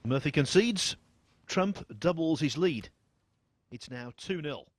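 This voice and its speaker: A man giving hushed snooker commentary in a measured, understated way, with a slightly husky voice. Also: a little high, animated, no room sound.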